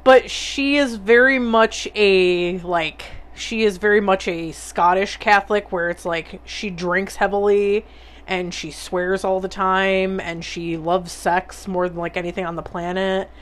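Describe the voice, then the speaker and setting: A woman's voice: medium pitch, fairly even intonation, a little slow. A young woman hosting a podcast in casual chat, laughing often and swearing freely. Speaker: podcast host.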